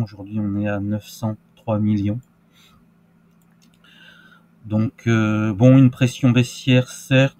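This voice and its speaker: Slow-talking man with a low voice. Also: mellow. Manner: hesitant, many fillers and restarts. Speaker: crypto market commentator. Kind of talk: casual screen-share market analysis.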